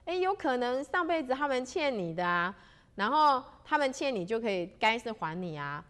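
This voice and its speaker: A woman's voice: a little high, big pitch swings, moderate pace, a bit bright, pitched above the performer's own voice. Storytelling: woman playing a devout male Taoist hermit, earnest and insistent, raised and lifted voice.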